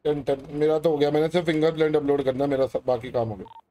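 A man's voice: on the high side, fairly even intonation, rapid-fire, mellow, slight background noise. A man from India streaming a police role-play game, giving orders in casual banter with crude swearing.

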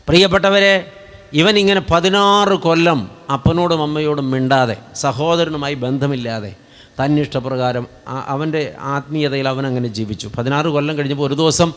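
A man preaching a sermon as a story, turning to the congregation with rhetorical asides. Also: on the high side.

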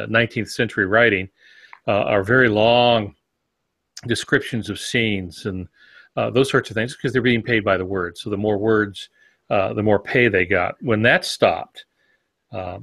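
A man's voice: lowish voice, moderate pace, gravelly, fairly bright tone, dry recording. A man co-hosting a podcast, chatting casually in a rambling, self-deprecating way.

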